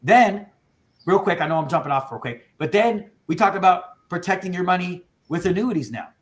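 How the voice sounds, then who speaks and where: High-voiced, fired-up man coaching agents. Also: animated, moderate pace. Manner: fired-up, casual, says dude and bro. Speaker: insurance agency owner training agents. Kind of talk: energetic sales training talk over a video call.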